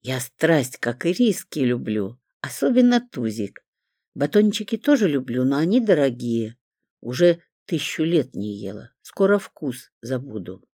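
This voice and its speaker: An audiobook reader voicing a plump, tearful psychiatric patient who pleads in a plaintive, childlike way, with a lively delivery. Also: medium pitch, unhurried, no echo, clean studio sound. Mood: pleading. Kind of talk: audiobook character reading.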